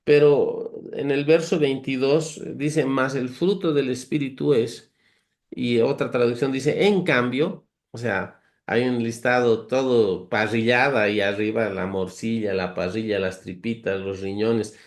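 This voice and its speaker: A man of ordinary pitch leads a conversational Bible teaching, reading verses aloud and unpacking them earnestly. He lists virtues one by one and uses homely, humorous comparisons, addressing his listeners as brothers. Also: steady tone, unhurried.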